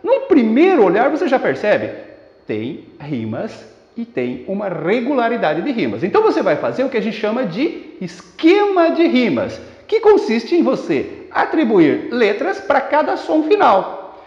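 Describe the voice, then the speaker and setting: A man with a Brazilian Portuguese accent teaching a poetry lesson for exam students, explaining step by step and slowing down to read verses aloud. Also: extremely high pitch, huge pitch swings, a little mellow. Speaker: literature teacher. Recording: roomy echo, dull lo-fi sound.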